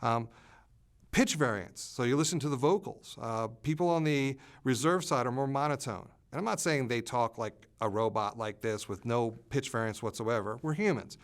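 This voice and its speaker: A man explaining communication styles as an expert in an interview, pausing often with "uh" fillers. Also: mid-range voice.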